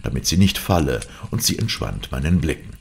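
A man reading a classic novel aloud as an audiobook, in a measured, expressive way. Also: very deep voice, vocal fry, slight background noise. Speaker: audiobook narrator.

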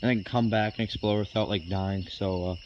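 A man's voice: fairly low pitch, steady tone, a little fast, darkish tone, dull audio. A nervous young man narrating a casual exploring vlog in slangy, repetitive phrases. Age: young adult. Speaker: vlog host. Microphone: handheld phone. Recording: very noisy handheld phone recording.

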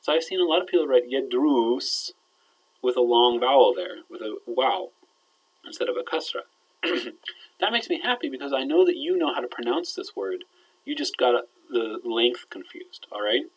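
Man, teacher, recorded grammar lecture, explanatory, keeps asking "all right?", middle pitch. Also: animated, normal speed, husky, rough recording. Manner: explanatory, checks in with "all right?", trails off quietly at ends of phrases. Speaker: Arabic teacher.

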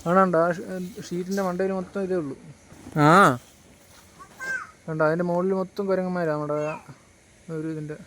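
A man's voice: sits high, fairly even intonation, moderate pace, pauses often, a little hiss or hum. A man talking casually in a family vlog, commenting on what he sees around the house. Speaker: family vlogger. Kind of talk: casual home vlog chat.

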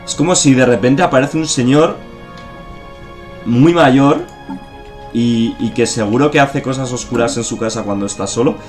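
A gameplay streamer with a Spain Spanish accent chats casually over faint game music, thinking aloud with fillers, swearing and cracking jokes. His medium-pitched, darkish voice moves at a moderate pace and pauses often.

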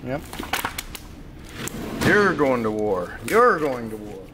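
A man's voice: mid-range voice, slow pace, background noise. A man giving a casual, joking walkthrough of auction items in a large warehouse, speaking into a handheld camera mic. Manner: chatty, joking, easily excited. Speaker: auctioneer giving a preview tour.

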